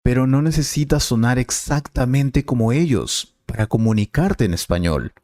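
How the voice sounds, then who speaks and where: A man as a Spanish teacher, explaining clearly and patiently in a scripted lesson dialogue. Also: mid-range voice, expressive, normal speed, a little mellow, dry recording, studio quality.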